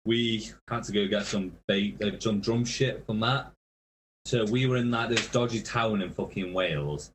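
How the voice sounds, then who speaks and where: A man with a fairly low voice tells a rambling tour anecdote as a podcast guest. He swears nearly every line and laughs at his own stories. His delivery is loose and casual. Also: a little hiss or hum. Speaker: touring metal musician, podcast guest.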